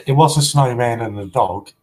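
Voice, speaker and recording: A man's voice: medium pitch, a little mellow, low-quality recording. A man hosting a casual collector livestream, chatty and teasing, often breaking into giggles.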